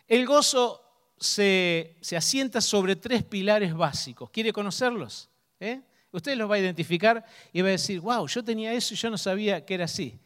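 A man with a high, smooth, resonant voice preaching a sermon. He keeps asking the congregation questions and slows down hard on the words he wants to land. His voice rings out with the long reverb of a church hall. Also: fairly bright tone. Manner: asks the congregation questions, emphatic slow stresses.

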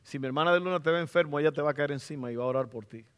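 A man's voice: fairly high pitch, rapid-fire, smooth. Fervent middle-aged male pastor preaching. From Latin America. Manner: fervent preaching, rising to loud exclamations. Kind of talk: sermon. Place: church.

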